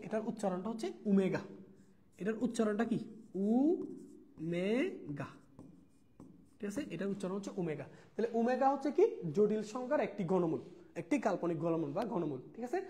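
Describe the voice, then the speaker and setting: A man's voice: high-pitched, mellow. A young man teaching a live online math class. He repeats key points, mixes in English words and calls his students brother. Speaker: math tutor.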